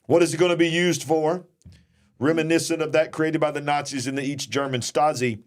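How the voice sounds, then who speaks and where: A Southern US man hosts a live online show, his fairly high voice steady and fairly quick. He keeps the live-stream commentary casual, joking and folksy, and pokes fun at fake accents.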